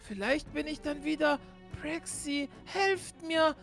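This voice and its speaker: A woman's voice: high-pitched, slow. A woman in a Minecraft role-play, talking in a timid, fretful way. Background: game music.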